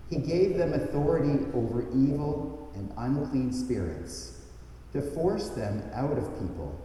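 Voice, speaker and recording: A man reading the gospel aloud at a church service in a slow, measured way, his voice carried by a cathedral echo. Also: medium pitch, dark tone, a little hiss or hum. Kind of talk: liturgical scripture reading. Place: large church. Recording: cavernous church reverb from a distant mic.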